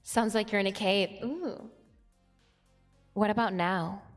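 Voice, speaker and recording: A woman's voice: mid-range voice, takes it slowly, soft background music. A woman live streamer chatting casually to her viewers, her voice soaked in a heavy cave-like reverb effect on her mic. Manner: chatty, giggly, self-deprecating.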